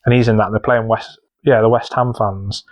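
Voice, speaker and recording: A man's voice: lowish voice, fairly even intonation, brisk, dull audio. A man co-hosting a podcast in casual chat, rambling with lots of fillers and restarts. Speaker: podcast co-host.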